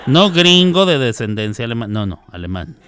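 A man's voice: mid-range voice, big pitch swings, brisk, fairly bright tone, a little hiss or hum. A Mexican man in his fifties hosting a radio show, rambling and playful in casual chat, correcting himself as he goes. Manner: chatty, digressive, playful, self-correcting. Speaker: radio host. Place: radio studio.

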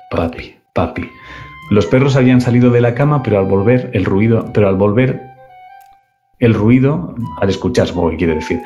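Low-voiced man reading a story. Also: dark tone, muffled recording. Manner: joking, swears freely, comments on the story as he reads. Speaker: podcast co-host reading listener stories. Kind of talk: casual live-stream chat, reading a story aloud.

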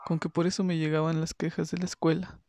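A man's voice: a little high, little pitch movement, fast, darkish tone, no room sound, close to an everyday voice. A man voicing a stern, angry father who lectures his son firmly. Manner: scolding, firm and lecturing.

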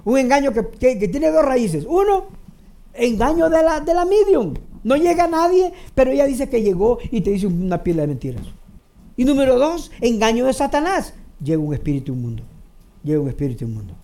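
A very animated preacher talks a little fast as he sermonizes to the congregation, addressing them head-on. He leans on repeated phrases for emphasis and swings from emphatic, raised lines to soft, low asides.

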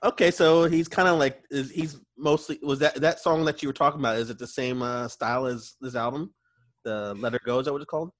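A man's voice: mid-range voice, fairly even intonation, a little fast, dry recording. A man hosting a casual album review, chatty and profane, laughing between remarks. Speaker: album reviewer and show host. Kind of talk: casual music review chat.

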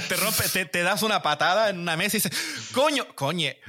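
A man's voice: high voice, fast, bright, forceful tone. A man in casual podcast chat, explaining at length and laughing often.

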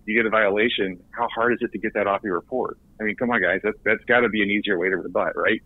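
A man's voice: on the low side, fairly even intonation, quick pace, breathy edge, no room sound. A man, a guest on a podcast interview, talking in an earnest way and often repeating words as he restarts. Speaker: recruiting director guest. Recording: tinny phone line.

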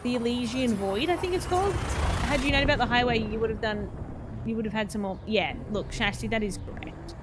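A woman's voice: on the high side, a little fast, noisy background. A woman casually chatting while live-streaming a game, laughing often and answering her chat. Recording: music playing behind the voice.

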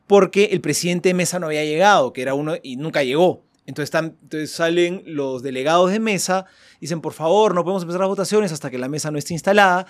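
A man with a fairly high voice talks casually among others. He recounts things in an animated way and keeps seeking agreement with little tag questions. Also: fast. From Peru. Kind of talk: casual group conversation with anecdotes.

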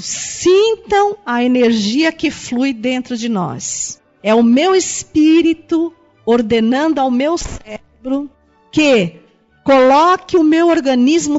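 A woman's voice: sits high, muffled recording. A woman with a Brazilian accent giving a spiritist sermon to an audience, emphatic and full of rhetorical questions. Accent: Brazilian Portuguese. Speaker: spiritist lecturer.

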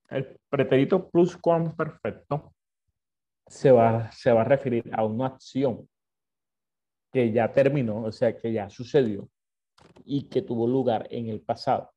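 A man teaching a Bible lesson, explaining slowly and often repeating and correcting himself. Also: medium pitch, mellow.

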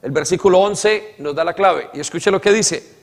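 A man's voice: sits high, normal speed. A man preaching a sermon, asking the congregation to repeat after him and acting out quoted dialogue with emphasis. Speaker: pastor. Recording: reverberant hall.

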